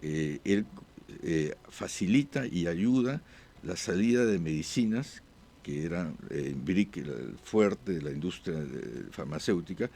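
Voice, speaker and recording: A man speaking as a diplomat guest in an interview, with halting answers full of "eh" pauses and restarts. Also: deep voice, lively intonation, creaky, dark tone, husky. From born abroad.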